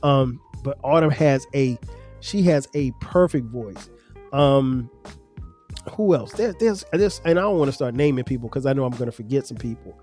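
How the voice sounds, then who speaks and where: A man with a South Carolina accent hosts a casual solo podcast, rambling conversationally and restarting his sentences many times. His mid-range voice is expressive, dark in tone and slightly nasal, and he sounds a little congested in the sinuses. He talks at normal speed with faint music behind him.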